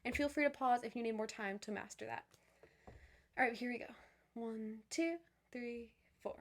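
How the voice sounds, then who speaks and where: A young woman who leads viewers through vocal warm-ups, encouraging and upbeat, with many fillers and restarts. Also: fairly high pitch, fast talker, heavy background noise. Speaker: voice teacher. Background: piano.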